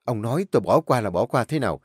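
A man voicing a young father who speaks forcefully and angrily. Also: fairly low pitch, fairly quick, no echo, studio quality, lightly acted. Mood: furious. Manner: angry, forceful. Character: young father, furious and commanding.

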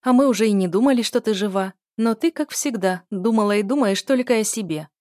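A woman reading aloud, voicing a jealous pregnant young sister who is shrill and on the edge of hysteria. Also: a little fast, a little mellow, no room sound, clean studio sound, natural voice. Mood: hysterical, accusing. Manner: shrill, accusing, near hysteria.

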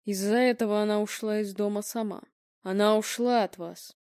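A woman voicing an eerie male clairvoyant, speaking slowly in a cold, stony tone. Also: medium pitch, steady tone, a little mellow, dry recording, clean studio sound, lightly acted.

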